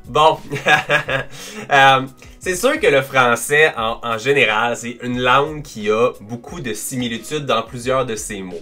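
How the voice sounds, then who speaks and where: Bright-voiced Québécois man reacting. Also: mid-range voice, slow pace, soft background music. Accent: Québécois French. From Quebec. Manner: chatty, laughs often, explains language quirks. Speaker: reaction video host. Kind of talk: casual reaction commentary.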